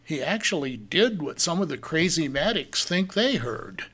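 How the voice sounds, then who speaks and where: A man's voice: fairly high pitch, big pitch swings, normal speed, sharp tone, husky. A man preaching a verse-by-verse sermon, asking the congregation rhetorical questions and drawing out key words for emphasis.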